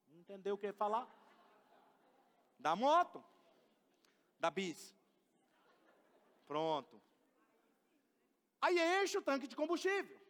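A man's voice: very high voice, fairly bright tone, big-room sound. A man preaching a sermon as pastor, emphatic and questioning the congregation. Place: church.

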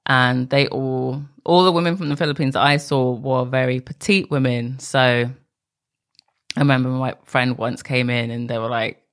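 This adult podcast host talks by herself in an open, conversational style that sometimes goes off on tangents. Her bass voice has fairly even intonation and moves at normal speed.

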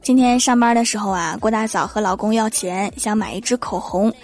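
A woman's voice: medium pitch, a little fast, over music. A young woman, telling funny stories in a punchy, joking way as a comedy host. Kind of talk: comedic storytelling monologue.

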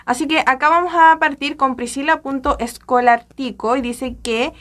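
A woman with a notably high voice hosts a relaxed podcast conversation. She talks frankly and wryly, the way you would with a close friend. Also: normal speed. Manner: chatty, wry, frank. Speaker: podcast host. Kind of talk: casual chat.

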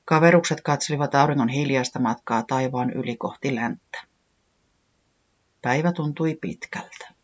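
A storyteller reading a children's story aloud in a gentle, measured way, in a dull lo-fi recording. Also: mid-range voice.

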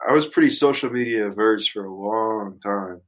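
As a musician guest on a podcast, a man chats casually, thinking aloud in a rambling, hesitant, reflective way and swearing offhandedly. His pitch is fairly low and his pace moderate.

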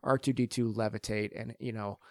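A man's voice: lowish voice, fairly even intonation, fairly quick, no echo, clean studio sound. A man hosting a casual podcast, talking enthusiastically in long runs full of fillers. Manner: rambling, enthusiastic, many fillers. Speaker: podcast host. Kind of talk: casual chat.

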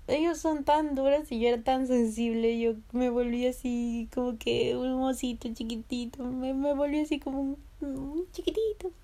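Young Peruvian woman telling a story. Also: on the high side. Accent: Peruvian Spanish. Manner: animated, laughing, swearing, acting out quoted voices. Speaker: vlogger. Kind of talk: casual storytelling.

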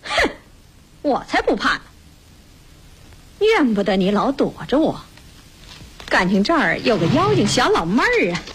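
An actress playing a brash, bossy young woman who scolds loudly, with a husky voice and a Beijing accent, in a radio drama. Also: mid-range voice, big pitch swings, normal speed, long pauses, low-quality recording. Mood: mocking. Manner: loud, scolding, cajoling.

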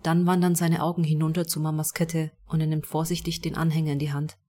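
A reader giving steady first-person scripted narration of a story. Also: mid-range voice, quick pace. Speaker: audiobook narrator.

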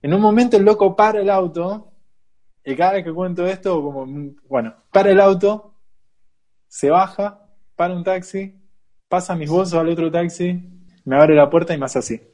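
A young Argentine man with a Rioplatense accent, casually telling a lively travel anecdote, laughing often and acting out the people in his story. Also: high voice, normal speed. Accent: Rioplatense Argentine Spanish. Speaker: guest storyteller.

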